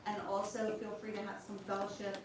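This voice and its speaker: Woman, event introduction, hesitant, many fillers, distant mic, loud room noise. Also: mid-range voice, completely flat delivery, a little fast, very echoey. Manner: hesitant, informal, many ums and restarts. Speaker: committee member introducing speaker. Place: church hall.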